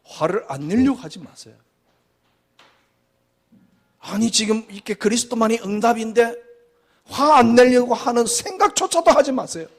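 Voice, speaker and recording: A male pastor preaching a sermon emphatically, firing rhetorical questions and swinging between loud and hushed delivery. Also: very high-pitched, animated, normal speed, pauses often.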